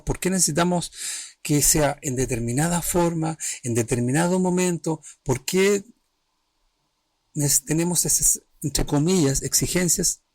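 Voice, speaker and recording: A man on the higher side of pitch, his voice a little mellow, hosts a live-streamed talk on emotional healing for his channel. He speaks conversationally in short, restarting phrases and keeps checking that the listener understands; the recording is dry.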